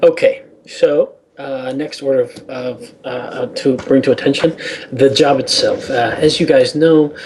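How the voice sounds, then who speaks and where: A man voicing a brisk male employer who hires adventurers for a tabletop game, speaking in a hurried, businesslike way. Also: mid-range voice, darkish tone, slight background noise, lightly acted.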